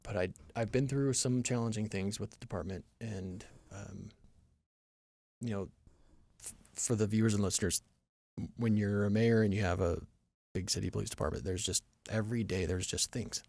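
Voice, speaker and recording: Middle-aged male host, low gravelly voice, earnest and reflective, dry close mic. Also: steady tone, normal speed, a little mellow, no echo. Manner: earnest, reflective, often seeks agreement. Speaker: mayor and podcast host. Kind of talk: casual interview conversation. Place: podcast studio.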